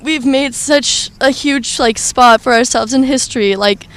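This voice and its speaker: A teenage girl on a high school soccer team, speaking tearfully and emotionally with many "like"s. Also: unhurried, fairly bright tone, smooth. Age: teens. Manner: emotional, repeats "like".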